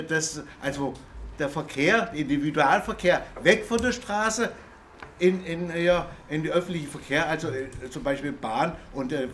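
A man from Baden-Württemberg speaking from the audience at a panel, halting and repeating words. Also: a little high, fairly bright tone, a little hiss or hum. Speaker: audience member. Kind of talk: public discussion contribution.

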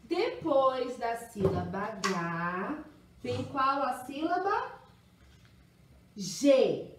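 A woman's voice: high-pitched, big pitch swings, very slow, noisy background. A woman teaching young children letters in an exaggerated, singsong, encouraging way. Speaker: kindergarten teacher. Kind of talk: children's phonics lesson. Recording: echoey room, mic at a distance.

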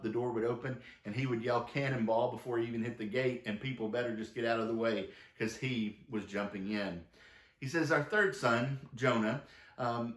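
Man preaching in a roomy church. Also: medium pitch. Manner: reads long quotes from a book aloud. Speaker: pastor. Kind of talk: sermon. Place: church sanctuary.

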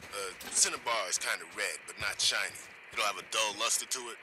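A man's voice: on the low side, fast talker, background noise. An actor playing a matter-of-fact male military lieutenant who gives terse, practical instructions over a CB radio in a video game. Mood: instructing. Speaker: radio contact giving a task.

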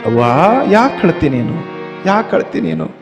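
A preacher voicing a gentle teenage daughter. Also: male voice, fairly high pitch, very animated, normal speed, music in the background. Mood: comforting. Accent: North Karnataka Kannada. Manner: gentle, comforting. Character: young teenage girl reassuring her mother. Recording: echoey hall with faint accordion.

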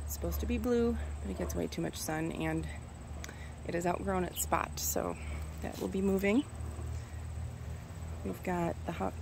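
A woman strolls through her garden with a handheld phone, chatting in a relaxed, musing way and pausing over plant names she half remembers. Her voice has a gravelly, fry-tinged edge, and loud insect and cricket noise surrounds her outdoors. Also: on the low side. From Minnesota. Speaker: gardener giving a garden tour. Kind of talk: casual walking garden tour. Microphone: phone camera held while walking.

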